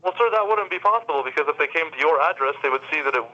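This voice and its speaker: A man selling cable over a dull, muffled phone line, speaking fast in a high, bright voice. He is polite and stumbles over his words, repeating sir throughout. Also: lively intonation. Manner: polite, stammering, keeps saying sir. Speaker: cable sales rep. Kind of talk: sales phone call.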